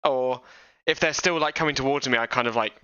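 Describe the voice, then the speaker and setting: A man's voice: mid-range voice, brisk, pushed and bright, clear, resonant tone, no echo. A man playing a tabletop game, chatting casually and jokingly, on slightly muffled audio.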